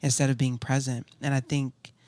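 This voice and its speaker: A man's voice: mid-range voice, little pitch movement, normal speed, a little mellow, no room sound. A man co-hosting a faith podcast in casual chat, with a slight Southern US accent, jokey and reflective. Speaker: podcast co-host.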